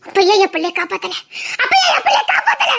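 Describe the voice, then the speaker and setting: An actress voices a grieving young mother who has lost her child, her voice pitched very high and shrill. She has a Tirunelveli Tamil accent, and she breaks into bitter, tearful laughter and shouting as she accuses the people around her. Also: fast talker. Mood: hysterical, sobbing. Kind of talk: emotional web drama acting.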